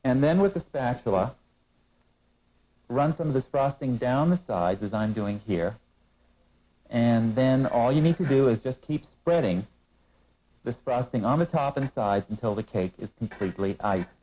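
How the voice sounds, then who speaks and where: Speaking into a lapel mic on a studio kitchen set, a middle-aged man hosts a scripted cooking demonstration. His mellow, even-pitched voice moves at a moderate pace as he calmly explains each step, though the recording is rough.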